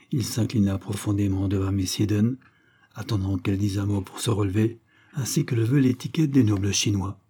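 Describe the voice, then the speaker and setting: A man narrating a novel in a low, mellow voice with a husky grain. His reading is measured and even, paced for listening. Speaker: audiobook narrator. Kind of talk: scripted narration.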